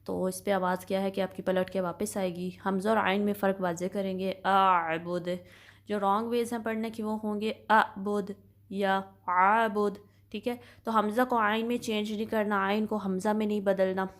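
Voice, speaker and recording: A woman teaching Quran recitation in a methodical tajweed lesson, her voice held level and even with little rise or fall. She explains each sound patiently and checks in often with her students. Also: mid-range voice. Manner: patient, methodical explaining with slow drawn-out demonstrations; frequent reassuring check-ins.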